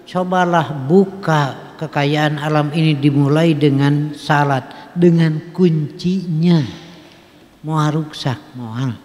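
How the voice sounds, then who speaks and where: A man's voice: on the high side, a little mellow. Sundanese-accented man preaching in a mosque. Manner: folksy, mixes in regional phrases, asks the audience questions, chuckles. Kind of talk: mosque study sermon. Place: mosque hall. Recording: long hall reverb.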